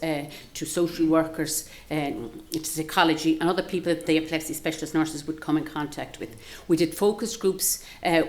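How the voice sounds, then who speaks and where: A woman with a Galway, west of Ireland accent giving a live research presentation in a discursive, explanatory way. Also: low voice. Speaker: academic researcher presenting a study.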